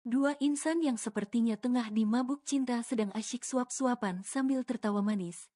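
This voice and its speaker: A woman narrates a romance audio novel in an even, steady telling. Her tone is mellow and warm, sitting somewhat high. She slips in casual colloquial asides. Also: moderate pace.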